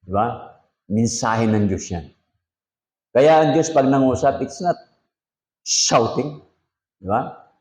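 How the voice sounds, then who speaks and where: A Filipino man in his fifties, a pastor giving a conversational sermon at a prayer meeting, dropping to soft asides and then rising for emphasis. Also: medium pitch, lively intonation, slow pace, pauses often.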